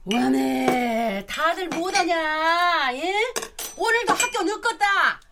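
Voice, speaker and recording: A woman playing a loud nagging country mother. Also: extremely high pitch, animated, slow, vocal fry, background noise, exaggerated voice. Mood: scolding. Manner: scolding, sighing, fussy. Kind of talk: radio drama acting.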